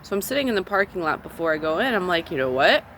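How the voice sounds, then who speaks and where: A woman's voice: lowish voice, expressive, racing, fairly bright tone. Lady rambling to camera from her parked van, smoking, tons of "like"s, faint traffic outside. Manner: rambling, filler-heavy retelling with many "like"s. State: smoking a cigarette while talking. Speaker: vlogger. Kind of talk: casual video journal storytelling. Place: sitting in a parked van at a gas station.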